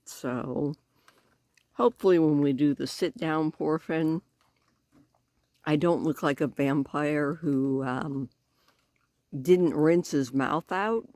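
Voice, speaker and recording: A woman chatting casually in a vlog, with a slight lisp and careful, halting speech as she talks around newly fitted false teeth. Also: sits low, a little mellow. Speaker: vlogger giving a personal update.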